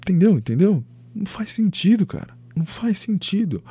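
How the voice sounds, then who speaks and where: A young Brazilian man hosting his own podcast, giving a rambling, animated opinion monologue, swearing freely and acting out quoted voices. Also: high-pitched, moderate pace, slightly rough, no room sound. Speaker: podcast host.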